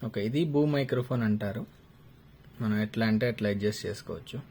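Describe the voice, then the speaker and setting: A little fast and a little mellow, this man's fairly low voice guides viewers through a casual unboxing and step-by-step installation, with English terms mixed in. He's a motovlogger presenting the product. The audio comes from a lavalier and is clearly noisy, with ambience.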